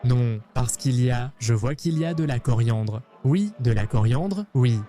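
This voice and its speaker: Excitable man hosting a travel vlog. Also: medium pitch, measured pace, faint music behind. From Argentina. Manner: excitable, playful, jokey. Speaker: travel vlogger host.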